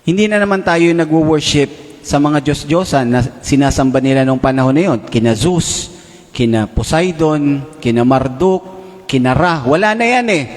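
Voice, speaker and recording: A man's voice: fairly high pitch, darkish tone. A male preacher giving a sermon, addressing his listeners as brothers and sisters and posing rhetorical questions. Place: large worship hall. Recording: long reverb of a big hall.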